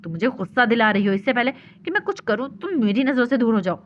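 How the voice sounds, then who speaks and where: A woman voicing a short-tempered young husband who threatens and scolds gruffly. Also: very high voice, very animated, fast, a little hiss or hum. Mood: angry scolding. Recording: dull lo-fi recording.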